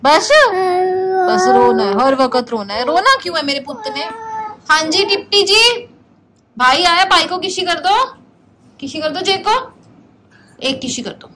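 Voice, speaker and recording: A woman's voice: very high voice, expressive, measured pace, long pauses, bright, forceful tone, a little hiss or hum. A woman vlogging casually at home, a mother fussing over and coaxing her crying toddler while she is unwell. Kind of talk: casual family vlog chat.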